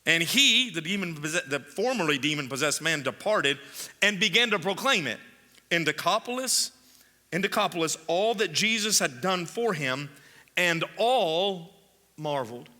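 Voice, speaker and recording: A man's voice: fairly high pitch, expressive, unhurried, sharp tone, in a large hall. A man pastor preaching a sermon and reading scripture, emphatic, repeating key phrases for weight. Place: church sanctuary.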